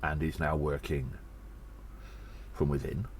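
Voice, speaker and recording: Voicing a gnome secret agent in an audio drama, a man uses a strikingly low, slightly mellow voice with little pitch movement. His telling is theatrical, self-important, cheeky and deliberate, with a musing, wry mood, and there's noticeable background noise.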